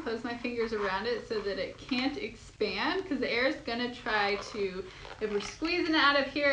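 This step-by-step balloon-twisting lesson comes from a young woman whose voice is a little high and a bit bright. Bubbly and full of giggles, she keeps gushing about how cute each piece is, and the room sounds echoey and noisy.

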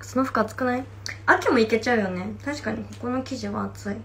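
A young idol in her twenties from Fukuoka, Japan, with a Hakata dialect accent, livestreams on her phone and chats casually while reading fan comments. Her slightly high voice is brisk, she reacts to comments and drifts into soft whispers, and there's a little hiss or hum.

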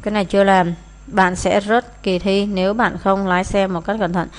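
A woman's voice: medium pitch, flat delivery, normal speed. A Vietnamese-speaking woman teacher walking through exam answers, reading English phrases aloud with frequent hesitant fillers.

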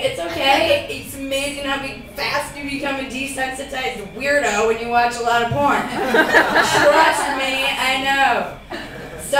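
Brash, high-voiced woman doing stand-up. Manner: brash, profane, laughing through punchlines. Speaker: stand-up comedian. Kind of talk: stand-up comedy set. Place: comedy club stage with live audience. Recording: echoey room, distant mic, audience noise.

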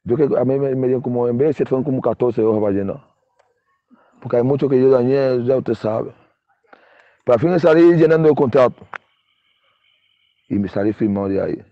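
A man's voice: medium pitch, a little fast, long pauses, no room sound. A middle-aged Dominican man, a former ballplayer, telling his story in a casual interview and acting out other people's lines. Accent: Dominican Spanish. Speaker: interview guest, former baseball player. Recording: dull, muffled dry sound.

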